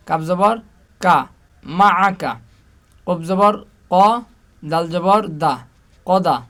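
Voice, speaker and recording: Slow, patient male Quran teacher. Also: high-pitched, fairly bright tone. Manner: slow, patient drilling, asking and answering his own questions. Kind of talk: spelling Arabic letters aloud with vowel marks.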